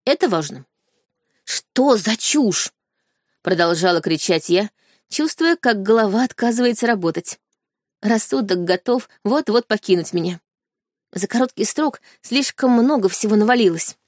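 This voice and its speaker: Female audiobook narrator, first person, even middle pitch, dry studio sound. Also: normal speed, no echo.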